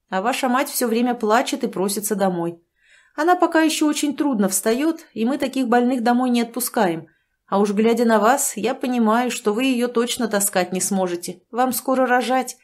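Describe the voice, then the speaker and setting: A woman voicing a male hospital doctor who explains things in a calm, instructive, matter-of-fact way. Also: a little high, voice pushed up, lightly acted.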